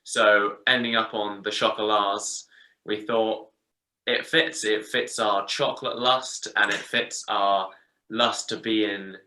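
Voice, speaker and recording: A man from England, a band member, telling the story of his band in a relaxed interview. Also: on the low side, a little slow. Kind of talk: casual interview answers. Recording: roomy echo.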